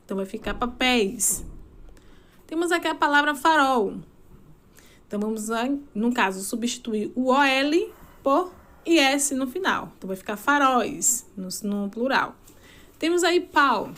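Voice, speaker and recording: A woman with a high, light voice gives a recorded grammar lesson. She talks in a deliberate way and draws out example words so learners can follow. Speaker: teacher.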